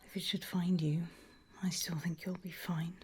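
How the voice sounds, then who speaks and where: Playing a calm gravedigger who offers reassurance, a British woman performs creepy ASMR in a whisper. She stays hushed and matter-of-fact, leaves long pauses, and her voice is on the low side and slightly rough.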